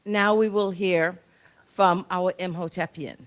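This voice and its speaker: A woman's voice: lowish voice, steady tone, measured pace. A middle-aged woman, a graduate's mother, introducing speakers at a graduation ceremony with playful, joking asides.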